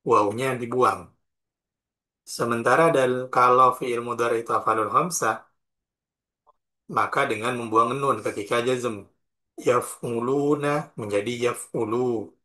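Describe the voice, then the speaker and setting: A man with an Indonesian accent teaching a grammar class in a bright, clear voice at an average pitch. He goes slowly and deliberately, spelling out each form and its examples one by one. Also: steady tone. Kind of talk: classroom lesson explaining grammar.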